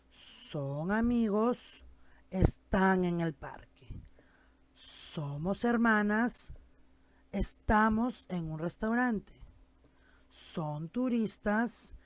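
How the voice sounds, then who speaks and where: A woman teaching an English lesson in Spanish, speaking slowly and patiently, repeating phrases for students to copy and often checking they follow. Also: medium pitch, no room sound. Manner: checks understanding with frequent tag questions. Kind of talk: classroom language lesson.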